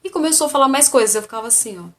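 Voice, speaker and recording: Animated woman telling a story. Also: high-pitched, very fast. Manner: animated, acts out the dialogue. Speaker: vlogger telling her health story. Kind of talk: casual storytelling vlog.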